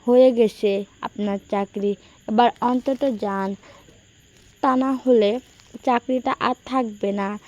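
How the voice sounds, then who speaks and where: A woman voicing a hurried, anxious young male boss who pleads urgently. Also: a little high, fairly even intonation, a little mellow. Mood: hurried, pleading. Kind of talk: audiobook dialogue reading.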